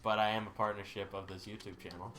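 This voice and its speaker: A man's voice: fairly low pitch, flat delivery, quick pace, music in the background. A man co-hosting casual game commentary, with a dry, teasing way of talking. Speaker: gaming channel co-host.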